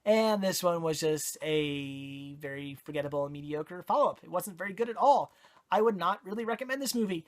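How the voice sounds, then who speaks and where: A horror movie reviewer, hoarse and losing their voice, talks through a casual video review. The medium-pitched voice is lively and fairly quick, rambling and doubling back with lots of ums, restarts and corrections.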